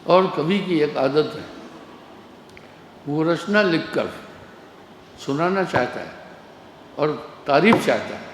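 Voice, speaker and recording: A man's voice: a little high, slow, pauses often, background noise. A man giving a sermon as a spiritual teacher, telling stories with humor. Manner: relaxed storytelling with humor. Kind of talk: sermon with anecdotes. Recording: echoey hall with long reverb.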